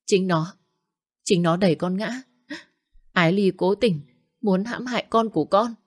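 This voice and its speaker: A woman's voice: mid-range voice, a little slow, close to an everyday voice. A woman doing a whiny scheming young woman. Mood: pleading. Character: scheming young woman faking a miscarriage, tearful.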